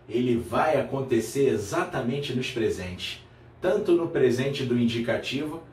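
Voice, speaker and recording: A male Brazilian Portuguese teacher giving a grammar lesson to his viewers, slowing down to repeat key terms and checking in with the student. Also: medium pitch, darkish tone, far from the mic. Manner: addresses viewer as "meu aluno", checks in with "tá legal?". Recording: echoey room, voice off-mic.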